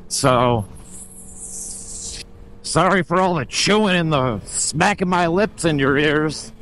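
A man's voice: on the high side, slow, fairly bright tone, rough recording. A man, giving casual, swearing commentary on a motorcycle ride from a helmet mic. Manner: laid-back, swearing, chatty. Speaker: motovlogger. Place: on a motorcycle on a highway. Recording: wind and engine noise behind.

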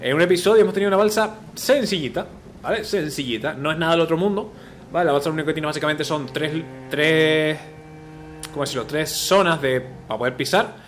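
A man's voice: on the high side, a little fast, fairly bright tone, soft background music. A man, a gaming video host giving casual gameplay commentary, chatty and thinking aloud with repeated filler words.

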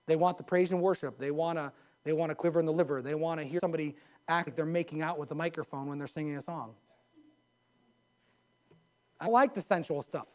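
A man in his forties, a pastor preaching from a pulpit in a church sanctuary, animated and gesturing. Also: on the high side. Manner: animated, gesturing at a pulpit, mimics others in a raised voice. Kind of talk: sermon. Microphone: pulpit mic.

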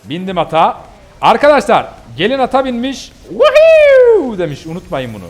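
A man's voice: high-pitched, very animated, fairly quick, faint music behind. A man hosting his gaming channel, chatting casually to viewers while he plays and bursting into yelps and laughter. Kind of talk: casual gameplay commentary.

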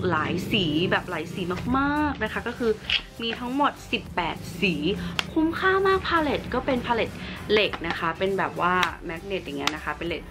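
A woman beauty vlogger giving a chatty, upbeat makeup review and explaining each step as she works. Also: medium pitch. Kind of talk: casual makeup tutorial and product review.

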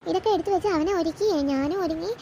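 Woman doing a shrill nagging cartoon wife. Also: quick pace, mellow, slight background noise. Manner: chatty, nagging, exasperated. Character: young wife and mother, fussy and complaining. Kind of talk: cartoon voice acting.

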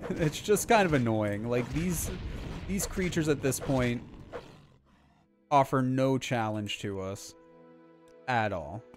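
A man's voice: mid-range voice, slow pace, long pauses, faint music behind. Laid-back young man streaming a game. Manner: rambling and relaxed, heavy on filler words. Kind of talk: casual live-stream chat while playing.

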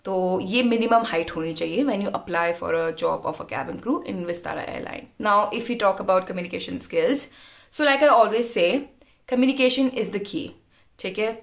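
A young Indian woman with an Indian English accent talks through job requirements at an unhurried pace, her voice sitting at an ordinary middle pitch. She switches between Hindi and English and keeps checking in with her listeners, speaking into a close camera in a plain indoor room. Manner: mixes Hindi and English, frequent "ठीक है" check-ins, explanatory. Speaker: former cabin crew giving career advice. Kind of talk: casual advice vlog.

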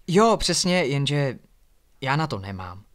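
A man's voice: medium pitch, very animated, close to an everyday voice. A man voicing a young woman who dreams of doing something but doubts herself, in a storybook reading. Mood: wistful.

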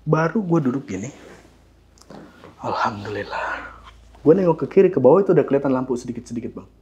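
A man with telling a hiking story in a casual, animated way, acting out voices and sounds. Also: on the high side, racing, highs cut off, background noise.

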